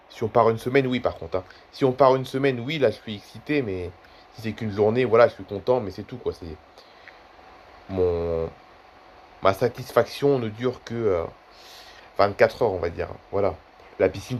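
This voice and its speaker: A man's voice: fairly low pitch, normal speed, slight background noise. A man in his twenties chatting casually in a vlog, rambling and repeating himself often. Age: 20s. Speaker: YouTuber.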